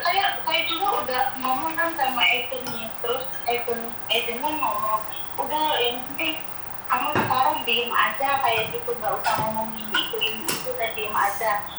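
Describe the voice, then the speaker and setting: A woman caller, a domestic worker, telling the story of a dispute with her employer in an animated way and acting out the quoted arguments. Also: fairly high pitch, very echoey, distant mic, background noise. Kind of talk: phone-in complaint, retelling a dispute.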